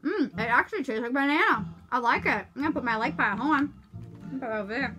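A fairly high-pitched woman talks through a mouthful of food as she tastes snacks for her channel, reacting aloud between bites. Music plays clearly behind her voice. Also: animated, racing, sharp tone, dull audio. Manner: chatty, reacting aloud while tasting. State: mouth partly full. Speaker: YouTuber. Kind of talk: casual food-tasting vlog.

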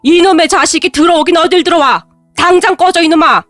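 Woman reading a stern old father-in-law, booming and scolding, dry sound, faint music. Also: fairly quick, fairly bright tone, dry recording.

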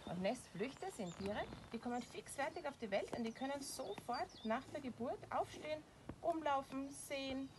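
A woman's voice: sits high, animated, normal speed. A young Austrian woman explains animals to children in a kindergarten teacher manner, using simple words, recorded outdoors. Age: young adult. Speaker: animal trainer and presenter. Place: outdoors in a small animal enclosure. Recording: clear outdoor background noise, animal sounds.

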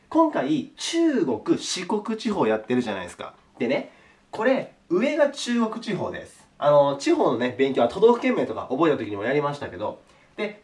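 A hoarse man with a sore throat, teaching a recorded geography lesson politely and slowly, checking in with his students as he goes. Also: high-pitched.

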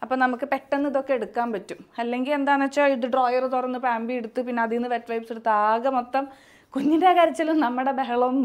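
A young woman, a mother chatting casually as she demonstrates her baby setup at home for a vlog. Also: fairly high pitch. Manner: chatty, coaxing a crying baby in sing-song. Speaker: vlogger, mother. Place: home nursery indoors. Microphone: camera operated by someone else.

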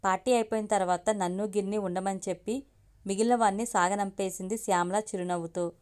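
Smooth-voiced woman storyteller. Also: mid-range voice, a little fast. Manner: steady first-person narration. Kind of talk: audiobook story reading.

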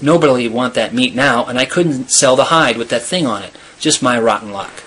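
A man voicing a gruff, grumbling bird hunter from the 1800s in a storybook read-aloud, with a husky, growling delivery. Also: medium pitch, a little fast, a bit bright. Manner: growling, complaining.

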